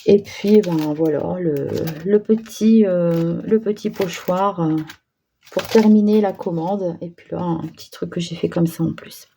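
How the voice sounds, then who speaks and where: A woman's voice: lowish voice, unhurried, gravelly, mellow, slight background noise. A woman crafting vlogger chatting casually through a card-making demonstration, hesitant with many fillers and restarts.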